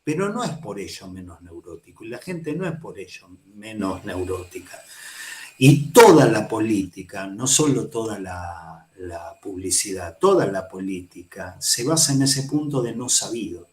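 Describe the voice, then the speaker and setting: A man's voice: on the low side, sing-song, moderate pace, roomy sound. A man with an Argentine accent giving a casual, digressive university lecture on psychoanalysis, often checking in with "¿sí?". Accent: Argentine Spanish. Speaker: psychoanalysis teacher.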